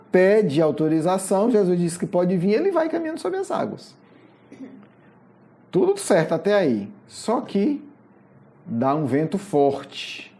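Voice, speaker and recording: Lively Brazilian Portuguese spiritist lecturer. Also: medium pitch. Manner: animated storytelling, often tagging lines with a questioning aside. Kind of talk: religious lecture retelling a Gospel story.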